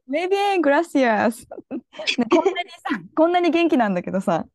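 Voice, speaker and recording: A woman's voice: high voice, measured pace, dry recording. A woman co-hosting a travel podcast, chatting casually and telling stories with lots of giggles. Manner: giggly, animated storytelling. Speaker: podcast co-host. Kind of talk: casual chat.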